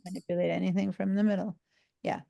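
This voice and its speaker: A woman teaching a design software class over a video call, tired and a little scattered. Her voice is heavily gravelly, and she rambles with lots of fillers and restarts as she explains. She sounds like she is talking into a computer mic. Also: on the low side, flat delivery, quick pace. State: sleep-deprived and tired. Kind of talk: live online class.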